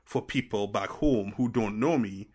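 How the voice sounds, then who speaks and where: A man with a Trinidadian accent carrying an American tinge, telling stories as a podcast guest in an animated way. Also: lowish voice, slightly rough. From Trinidad and Tobago. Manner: animated storyteller, quick to laugh. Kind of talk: casual podcast chat.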